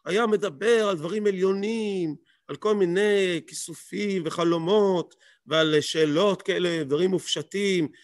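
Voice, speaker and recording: A man with a fairly high voice teaches a Torah lesson. He stresses his points by repeating words and firing rhetorical questions. The sound is dry and close. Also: no room sound.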